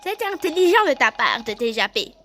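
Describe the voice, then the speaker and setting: A woman's voice: high-pitched, sing-song, a little fast. A woman voicing a threatening, theatrical cult witch in an amateur drama, speaking over background noise. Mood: menacing. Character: menacing cult witch preparing a human sacrifice.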